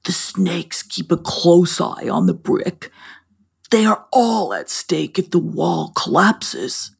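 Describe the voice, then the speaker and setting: Calm wise creature guy, slow and a bit raised, lady putting him on for a storybook. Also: lowish voice, creaky, husky, full character voice. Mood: earnest.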